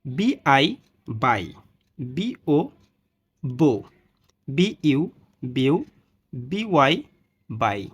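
A man's voice: medium pitch, lively intonation, very slow, pauses often, breathy edge. A man teaching English reading, patiently spelling out letter pairs and their sounds one by one, often checking in with the listener. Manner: frequent "ঠিক আছে" check-ins. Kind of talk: spoken phonics lesson.

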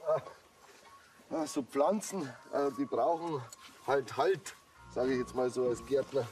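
A man's voice: mid-range voice, measured pace, a little mellow, natural voice. An actor playing a young man posing as a gardener, casual and cheeky, music underneath. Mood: playful. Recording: film soundtrack with music.

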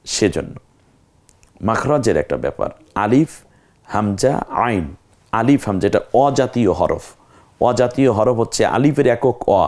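A man teaching Quran letters on a television lesson, slowly repeating sounds for viewers to say after him. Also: on the low side, a little mellow. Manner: slow, patient, repeats letters for viewers to echo.

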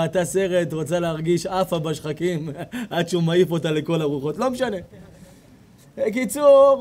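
Male rabbi, high voice, lively comic storytelling sermon, mic outdoors with faint noise. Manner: animated, acts out characters with sudden shouts. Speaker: rabbi giving a Torah lecture. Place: outdoor evening event before an audience.

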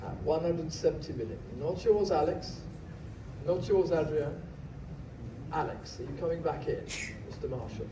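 Over a podium mic, an auctioneer with a slightly high voice calls bids in a measured, rhythmic way to a full, large hall. Someone in the crowd records on a phone, yielding distant, echoey sound with room ambience and a noisy background.

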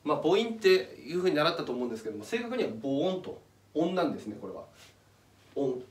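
A man's voice: on the high side, very animated, quick pace. A man giving a casual, step-by-step explanatory talk as channel host, pointing things out on a chart as he goes. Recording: echoey room, mic at a distance.

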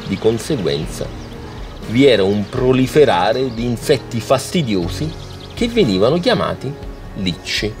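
A man's voice: mid-range voice, sing-song, unhurried, a little mellow. A man narrating a documentary in an explanatory, storytelling way. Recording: music playing behind.

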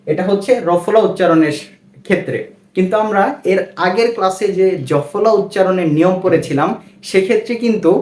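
A man teaching a language lesson, spelling words out slowly and repeating each one, often asking his listeners what the letters make. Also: high-pitched, a little mellow. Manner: slow, repetitive drilling with rhetorical questions. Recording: roomy echo.

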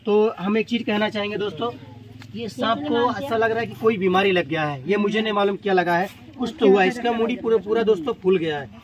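A high-voiced, fast-talking man from India rescues snakes in a village and narrates to the camera, constantly addressing viewers as friends. Amid the noisy chatter of a villager crowd, he pleads urgently whenever they threaten the snake.

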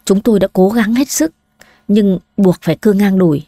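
A woman voicing a grave male doctor in an audio story, delivering bad news in measured tones. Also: mid-range voice, dark tone, dry recording, lightly acted. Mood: somber.

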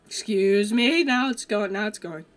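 A young man, high-pitched and a bit slow, is the host of a co-op game session, speaking into a desk mic as he plays. His casual chatter is excitable and jokey, and he often drifts off with fillers.

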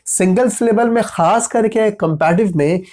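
A man's voice: sits high, normal speed, a little mellow. A man with teaching a grammar lesson, patiently spelling out letters and checking in often with his listeners. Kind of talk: explanatory lesson.

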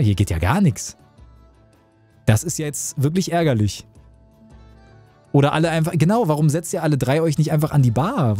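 A man's voice: mid-range voice, mellow. A young man streaming a tavern game, chatting casually with his chat, joking and reading out messages.

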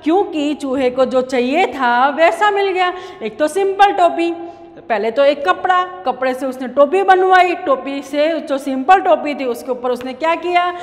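A woman's voice: high-pitched, unhurried, in a large hall. A woman teacher, animatedly telling a story and explaining words to children.

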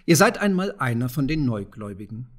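A man voicing a poor, frail old widow who speaks softly and mildly. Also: medium pitch, big pitch swings, fairly quick. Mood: gentle. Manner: soft, mild, secretive.

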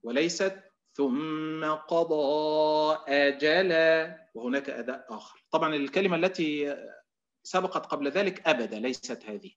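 A man gives an online lecture on Quran recitation, with his voice pitched slightly high. He stretches out his example readings and pauses with fillers. The call audio sounds muffled. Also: animated, a bit bright. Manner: explains with drawn-out demonstration readings; often fills pauses with Egyptian "إيه".

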